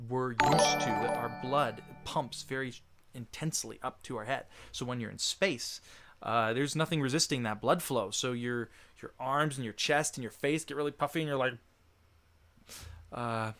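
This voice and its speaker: A man's voice: mid-range voice, normal speed, a bit bright, faint music behind. A man hosting a casual livestream Q&A, chatting loosely and reading viewer messages aloud. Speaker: livestream host answering chat.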